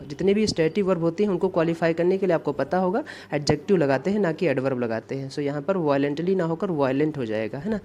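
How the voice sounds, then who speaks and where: A man's voice: a little high, darkish tone, slight background noise. Man teaching grammar. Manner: explanatory, repeats key answers and checks with "है ना"; reads example sentences slowly and deliberately. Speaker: English teacher. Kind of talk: exam-prep grammar lesson.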